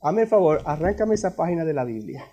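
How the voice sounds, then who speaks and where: A man preaching as a pastor, who keeps asking the congregation questions, jokes with them, and swings from loud emphatic lines to soft asides. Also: on the high side, fast talker, lo-fi sound. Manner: lively call-and-response preaching with humor. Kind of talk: sermon. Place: church sanctuary.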